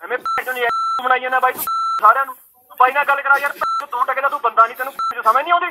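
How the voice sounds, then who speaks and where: Man, very high voice, rapid, defensive and pleading over a hissy phone line. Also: huge pitch swings. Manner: pleading and defensive, then swearing angrily. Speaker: prank call target.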